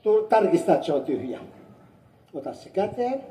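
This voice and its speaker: Children make up the audience as a woman keeps up playful stage patter during her magic show at an amusement park. She jokes with her little assistants and shouts the magic words in a high, lively voice, captured from a distance in a roomy space with a little background noise.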